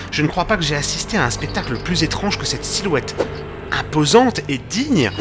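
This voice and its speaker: A man playing Doctor Watson, narrating dramatically. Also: high voice. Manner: vivid, building tension. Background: music.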